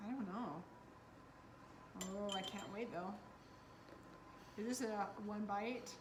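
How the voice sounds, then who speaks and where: A woman's voice: medium pitch, slow, echoey room, noisy background. A woman co-hosting a cooking show, chatting playfully and upbeat while tasting a dish. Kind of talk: casual cooking chat.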